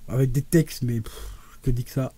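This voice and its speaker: A man's voice: brisk, breathy edge, no room sound. A man chatting casually and enthusiastically to his viewers as he shows off his vinyl collection, talking to them like friends. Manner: animated, with sudden rises and drops in pitch and loudness. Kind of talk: casual unboxing vlog.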